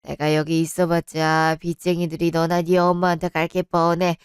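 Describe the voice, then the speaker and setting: Woman doing a weary middle-aged dad, low heavy voice, smooth, dry close sound. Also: completely flat delivery, normal speed, no room sound, lightly acted. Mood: somber. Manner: low, heavy, old-fashioned speech. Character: gravelly middle-aged father, somber and resigned.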